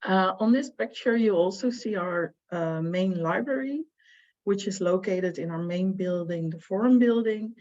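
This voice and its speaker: A woman talks through her slides on a video call, stopping often on "uh" and "um" as she goes. Her pitch sits in a middle range. The sound is dull and lo-fi, as call audio often is. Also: a little slow, darkish tone. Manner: hesitant, many fillers. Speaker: student advisor presenting. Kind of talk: online information presentation.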